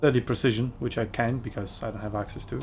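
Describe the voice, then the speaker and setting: A man's voice: medium pitch, fairly even intonation, fast, a little mellow, soft background music. A man hosting a gaming video, giving casual gameplay commentary in a rambling, chatty way with fillers and self-corrections.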